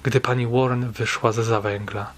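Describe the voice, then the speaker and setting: A man reading a story aloud in a steady, measured way, as an audiobook narrator. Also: medium pitch.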